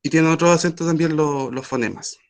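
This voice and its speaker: Man teaching an online class. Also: on the high side. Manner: patient, explains with many pauses and fillers.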